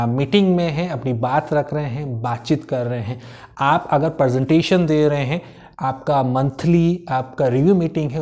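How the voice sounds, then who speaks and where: A man's voice: fairly high pitch, dark tone. A man giving a motivational lesson on communication skills. He explains step by step with everyday examples, repeats key words for emphasis and mixes English phrases into his talk.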